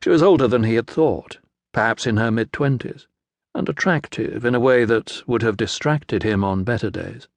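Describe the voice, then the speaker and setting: Male audiobook narrator, measured even read, mid pitch, dry studio mic. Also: gravelly, no echo. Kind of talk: scripted narration. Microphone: close studio mic.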